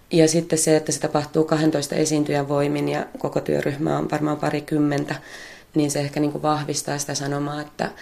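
Woman puppet theatre artist in an interview, gravelly voice, keeps restarting and repeating herself. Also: sits low, warm tone. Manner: thinking aloud, restarts and repeated words. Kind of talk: interview answers.

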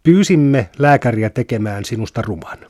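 A man voicing a calm father who explains himself plainly in a book reading. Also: mid-range voice, no echo, clean studio sound, lightly acted. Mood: earnest.

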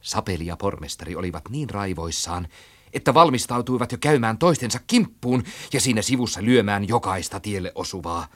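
A man narrating a children's storybook in a low voice with a lot of melody. He reads in an animated, rhythmic way, stretching his phrases for effect. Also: husky.

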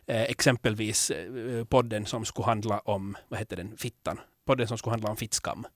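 A man hosting a podcast in casual chat, candid and rambling, with many restarts, growing animated when telling stories. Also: fairly low pitch, no echo, studio quality. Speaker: podcast host.

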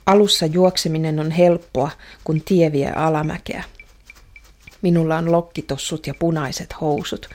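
A woman's voice: low-pitched, darkish tone. A woman voicing a young girl who longs for her father's approval, speaking in an earnest, hesitant first-person radio drama monologue.

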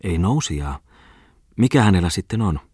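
A man's voice: sits low, animated, a little mellow, breathy edge, no echo, studio quality. A man voicing a startled young male pianist who asks short, shocked questions.

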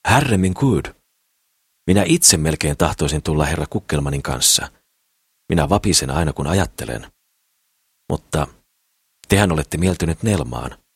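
A man's voice: extremely low pitch, sing-song, creaky, pauses often, slightly rough, no echo, clean studio sound, heavily acted. A man voicing a gushing, affected woman in an audiobook, exclaiming and fussing. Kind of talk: audiobook character voice.

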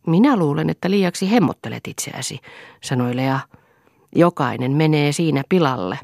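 A woman's voice: low-pitched, expressive, creaky, a little mellow, no room sound, clean studio sound, exaggerated voice. A woman voicing a firm, cool-headed wife in an audiobook, speaking earnestly and with a moralizing tone. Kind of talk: audiobook character reading.

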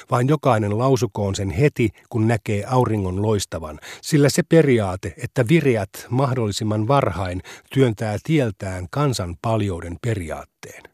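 A man giving a measured, even scripted reading of a translated religious legal text in a radio studio. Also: lowish voice, no room sound.

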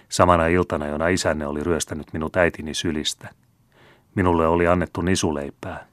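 Man reading as a hushed, sneering vengeful steward. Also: extremely low pitch, dry recording. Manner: hushed, sneering false humility. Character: scheming vengeful male steward, mocking and menacing. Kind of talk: audiobook character voice.

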